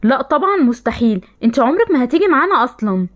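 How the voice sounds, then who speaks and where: A cold, scornful father, as a woman with an Egyptian accent puts him on, pitched well below her own voice but still high. He talks briskly and dismissively in a game-animation story. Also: sing-song. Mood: harsh. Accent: Egyptian Arabic.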